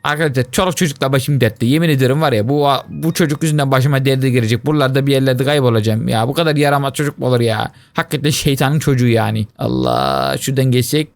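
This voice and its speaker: A young man giving lively Let's Play commentary, talking to his viewers, complaining dramatically and shrieking and wailing whenever he fails. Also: mid-range voice, no room sound. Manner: excitable, shrieks and wails when he fails. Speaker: gaming YouTuber.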